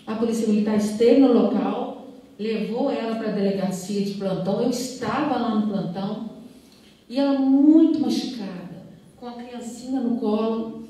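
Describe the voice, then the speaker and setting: Middle-aged police chief lady w/ minas accent on a panel, bit high voice, lots of restarts, big echoey room. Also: warm tone. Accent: Minas Gerais Portuguese. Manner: earnest, halting, with many restarts. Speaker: police chief at a women's police station. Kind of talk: panel talk, recounting a case. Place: event hall. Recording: very echoey hall, mic far off.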